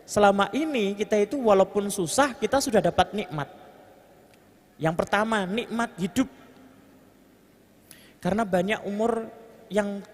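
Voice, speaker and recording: A man's voice: high voice, unhurried, pauses often. A man with a Javanese accent giving a mosque sermon, joking with the congregation and translating Arabic phrase by phrase. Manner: jokes with the congregation, leads chanting. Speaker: preacher. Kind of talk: mosque sermon with kitab reading. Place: large mosque hall. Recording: long hall reverb, faint ambient noise.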